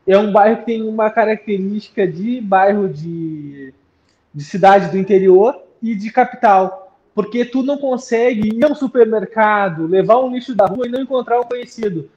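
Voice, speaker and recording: A man's voice: sits high, moderate pace, a little mellow. A man in his thirties with a Gaúcho Brazilian accent, chatting informally as a business owner on a video call and often correcting himself. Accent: Gaúcho Brazilian Portuguese. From Porto Alegre, Brazil. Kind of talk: casual conversation. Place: indoors, home or shop with brick wall. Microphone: video call webcam. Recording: muffled video call audio.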